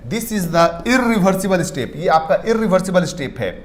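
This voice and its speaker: Male biology tutor, high voice, drawls key terms, rhetorical Q&A style. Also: lively intonation. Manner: asks questions and answers them himself; mixes in English terms, stretches key words slowly. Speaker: biology teacher. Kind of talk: exam-prep lecture over slides.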